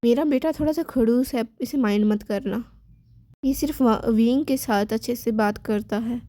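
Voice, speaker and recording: A woman's voice: fairly high pitch, moderate pace, dark tone, dry recording, clean studio sound, natural voice. A woman voicing a middle-aged mother who scolds her son fondly. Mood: motherly. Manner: scolding yet fond.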